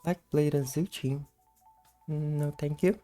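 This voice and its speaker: Woman, deep-pitched morning voice, just woke up, relaxed and low-key, casual game commentary, light music behind. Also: slow pace. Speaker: gameplay host.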